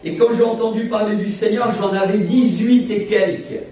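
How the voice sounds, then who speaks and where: High-voiced man in his sixties preaching. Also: fairly even intonation, moderate pace, dark tone, slight background noise. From Portugal. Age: 60s. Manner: emphatic, repetitive, preacherly cadence. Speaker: evangelist preacher. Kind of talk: sermon. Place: church sanctuary. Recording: echoey church from far off.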